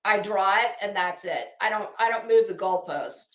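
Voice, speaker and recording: A middle-aged American woman hosts YouTube commentary on a casual livestream, blunt, opinionated and emphatic, swearing freely. Her voice is medium-pitched at a normal speed. The room sounds roomy and echoey.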